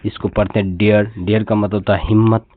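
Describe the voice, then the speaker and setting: A man's voice: lowish voice, level tone, fairly quick. A man teaching an English pronunciation lesson, patiently repeating each word and asking the class to say it back. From India. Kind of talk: classroom lesson, explaining step by step. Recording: tinny phone-like dry sound.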